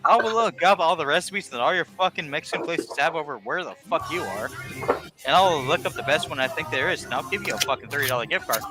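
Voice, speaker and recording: A man's voice: fairly high pitch, fast talker, loud music behind the voice. A man hosting a casual late-night stream, swearing often and ranting in a joking, exasperated way. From lives in California. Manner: profane, rambling, jokingly exasperated. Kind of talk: casual group chat.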